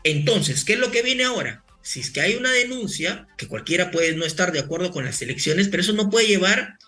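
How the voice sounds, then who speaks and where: High, sharp-voiced man debating formally. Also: animated, a little fast, faint music behind. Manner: formal, argumentative, repeats phrases. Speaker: debate guest. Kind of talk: live broadcast political debate.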